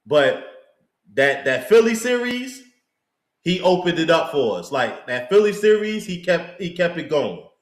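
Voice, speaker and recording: A man's voice: fairly high pitch, sing-song, measured pace. A man co-hosting a live sports talk show, chatting in a laid-back, slangy way as a fan. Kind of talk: casual live sports chat. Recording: roomy echo.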